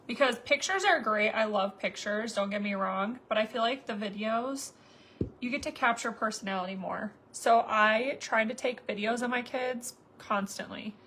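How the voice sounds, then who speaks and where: Thirties woman vlogger, casual filler-heavy chat, pitched a bit high. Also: normal speed, fairly bright tone, slight background noise. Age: 30s. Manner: chatty, rambling, many fillers. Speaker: makeup vlogger. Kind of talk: casual chat to viewers while doing makeup.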